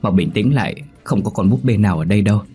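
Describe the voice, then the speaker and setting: A man's voice: fairly low pitch, expressive, quick pace, mellow, slightly rough, soft background music. A man voicing a worried young woman who calls out urgently to her friend, in a horror story reading. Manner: urgent, calling out.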